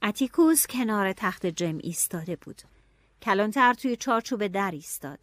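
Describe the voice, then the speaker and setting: A woman narrating a novel in an expressive audiobook style, dropping to hushed tones and rising to anxious cries. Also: medium pitch, no room sound, studio quality.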